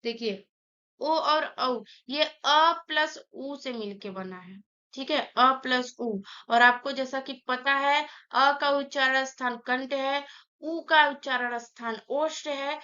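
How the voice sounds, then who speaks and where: A woman's voice: sits high, takes it slowly, bright, forceful tone, highs cut off. A woman teaching an online grammar lesson, saying sounds aloud one by one and explaining each step.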